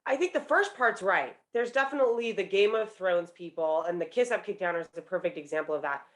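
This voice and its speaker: A woman's voice: fairly low pitch, brisk. A woman in her thirties, a professor and author appearing as a guest, explaining her points fluently and confidently. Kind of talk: interview answers.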